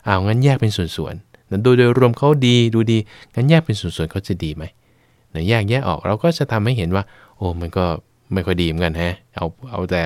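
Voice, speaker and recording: A man's voice: low-pitched, no room sound. A man, a Buddhist monk, explaining teachings in plain talk with homely examples. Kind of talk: Dharma teaching in conversation. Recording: dry studio radio sound.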